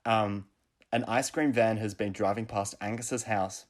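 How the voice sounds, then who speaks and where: A man's voice: fairly low pitch, steady tone, a little slow. A young man with an Australian accent co-hosting a podcast, telling stories with mock indignation. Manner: chatty, mock-indignant storytelling. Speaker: podcast co-host. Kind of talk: casual chat.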